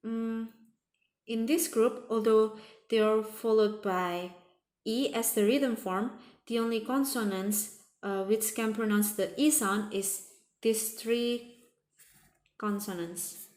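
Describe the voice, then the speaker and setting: Slow, patient woman teaching a language. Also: fairly high pitch, fairly even intonation, darkish tone, roomy sound. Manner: patient, repeats example sounds slowly. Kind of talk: slow spoken language lesson.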